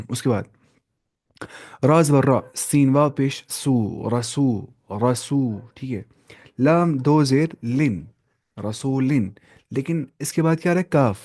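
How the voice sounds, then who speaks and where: A young man teaching a live online Quran reading lesson. He spells out letters and vowel marks slowly, blends them into words, and asks and answers his own questions. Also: medium pitch, a little mellow.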